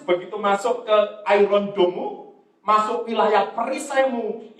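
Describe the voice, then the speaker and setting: A man preaching a sermon as pastor with an Indonesian accent, lively, urging the congregation to read along aloud. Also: high-pitched. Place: church hall. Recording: echoey church hall, mic at a distance.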